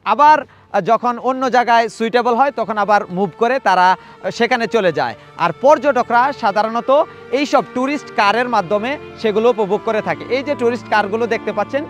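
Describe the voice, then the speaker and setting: A high-voiced man vlogging from a safari vehicle with a handheld camera, excited and at times hushed. His tone is casual and chatty. Soft music plays faintly under his voice. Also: fairly quick. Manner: excited, hushed at times while filming wildlife. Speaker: travel vlogger. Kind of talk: casual travel vlog narration.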